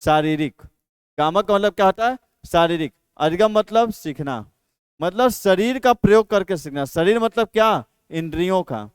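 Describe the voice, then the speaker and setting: A man's voice: sits high, animated, moderate pace, clean tone, no room sound. A man teaching an exam practice lesson, repeating each question and then answering it himself.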